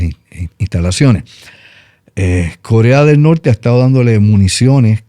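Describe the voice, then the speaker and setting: A middle-aged Puerto Rican news commentator with a low, dark voice and a Puerto Rican Spanish accent breaks down world politics in a casual, emphatic talk-show manner. The studio sound is clean, with no room sound.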